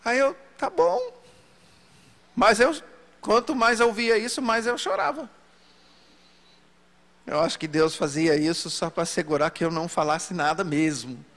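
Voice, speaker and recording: A man preacher telling a story from the pulpit in an animated sermon. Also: normal speed. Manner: storytelling, animated pitch swings. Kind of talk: sermon testimony. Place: church hall. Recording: long hall reverb.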